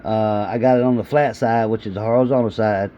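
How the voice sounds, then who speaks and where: A CB radio hobbyist who hosts videos chats casually to viewers in a Southern US accent, folksy and hesitant, often repeating himself. His voice is fairly low and steady, a little fast, and the muffled recording carries clear background radio noise.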